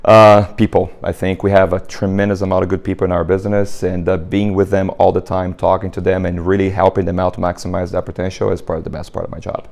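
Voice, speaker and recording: A man's voice: deep voice, level tone, quick pace, creaky, few pauses, darkish tone. A man from Brazil with a Brazilian Portuguese accent, answering interview questions casually, tying his points together with "right?" and "you know". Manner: talks in loose chains with "right?" and "you know" fillers. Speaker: interview guest, marketing director.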